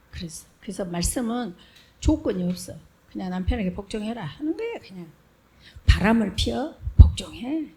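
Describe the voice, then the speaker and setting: Woman preaching a lively sermon. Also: medium pitch. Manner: conversational preaching, acts out quoted lines. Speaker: evangelist. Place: church.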